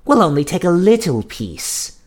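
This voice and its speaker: A man's voice: high voice, sing-song, measured pace, breathy edge, pitched above the performer's own voice, full character voice. A man voicing Coyote, a sly male trickster, in a wheedling, scheming tone. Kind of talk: storytelling with character voices.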